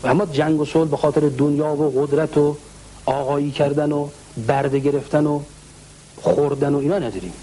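A man, a religious scholar, explaining historical accounts in answer to a question, often clearing his throat and slowing down to recite Arabic quotations. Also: a little high, steady tone, dark tone, low-quality recording.

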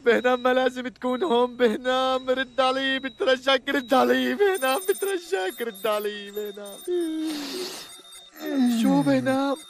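A man's voice: extremely high pitch, normal speed, gravelly, soft background music. An actor playing a bumbling, anxious man with a Levantine accent who pleads and laughs when he means to cry. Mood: pleading. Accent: Levantine Arabic. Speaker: patient's companion. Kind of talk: comic dubbed drama.

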